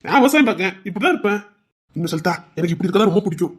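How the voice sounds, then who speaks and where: Brief: man playing a rapid-talking, easygoing Tirunelveli farmer who teases casually. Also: sits high, breathy edge. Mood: teasing. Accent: Tirunelveli Tamil. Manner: teasing, relaxed, content. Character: easygoing young male village farmer. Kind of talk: dramatized storytelling.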